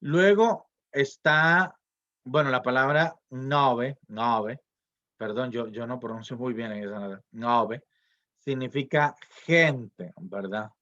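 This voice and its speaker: A man's voice: medium pitch, unhurried, sharp tone, muffled recording. A man giving a recorded online class, hesitant, with many fillers and restarts and rhetorical questions. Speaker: lecturer.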